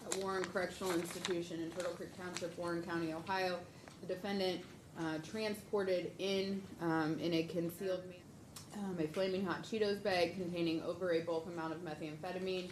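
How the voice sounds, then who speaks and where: An American woman speaking as a prosecutor, reading out a formal legal statement in a deliberate, halting way. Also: lowish voice, steady tone. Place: courtroom. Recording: echoey courtroom with background noise.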